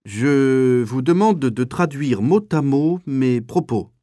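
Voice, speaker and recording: A man voicing a pompous officer who speaks slowly and stumbles over his words. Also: medium pitch, animated, mellow, no echo, studio quality, voice pushed up. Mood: mocking. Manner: slow, stammering. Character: pompous male officer, stammering and slow.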